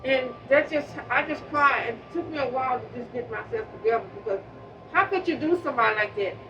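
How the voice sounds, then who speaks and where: A woman's voice: sits high, brisk. A woman, a public housing resident, speaking earnestly about a neighbor she remembers and often repeating herself as she goes. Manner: earnest, repeats and restarts words. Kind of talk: emotional spoken remembrance. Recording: distant mic, muffled sound, steady background noise.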